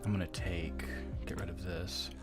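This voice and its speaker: Over loud music, a man with a low voice, steady in tone and at a normal pace, streams himself modding a game. He rambles and thinks aloud casually, muttering little sound effects and poking fun at his own mistakes in self-deprecating live-stream commentary.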